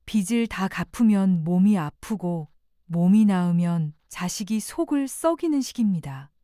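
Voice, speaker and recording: A woman reading a scripted self-help narration in a calm, reflective, gently persuasive way. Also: mid-range voice, dry recording, studio quality.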